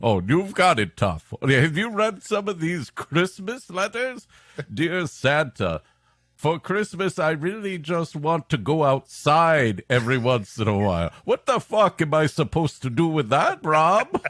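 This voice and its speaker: A man's voice: fairly high pitch, very animated, a little slow, fairly bright tone, dry recording, studio quality, pitched above the performer's own voice, full character voice. A man playing a jolly old Santa Claus in a comedy podcast, chuckling and theatrical. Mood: exasperated, joking.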